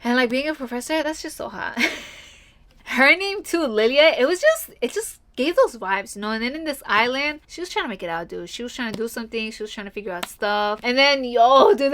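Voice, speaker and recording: Excitable young woman with a high voice. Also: a little hiss or hum. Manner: excitable, slangy, says dude a lot. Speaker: book vlogger. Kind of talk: casual chat to camera.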